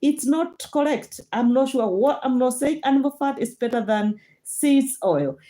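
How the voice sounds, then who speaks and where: A high-pitched, expressive Kenyan woman with a mellow tone speaks at a moderate pace as she hosts a casual health talk on a phone or laptop livestream. In her Kenyan accent she answers viewer comments, with frequent fillers and restarts.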